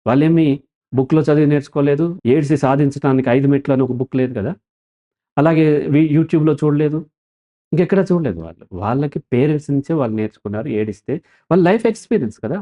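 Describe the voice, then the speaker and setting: A man's voice: fairly high pitch, quick pace, highs cut off. A man speaking as a counselor in an interview, in an explanatory tone, who often asks a question and then answers it himself. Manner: animated, asks and answers his own questions. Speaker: counselor guest.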